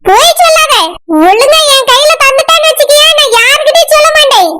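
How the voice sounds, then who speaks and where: A woman voicing a loud, sharp-tongued village woman in a cartoon, with a Kanyakumari Tamil accent and a harsh, accusing way of talking. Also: very high voice, a little fast. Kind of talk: cartoon voice acting. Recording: heavy background noise.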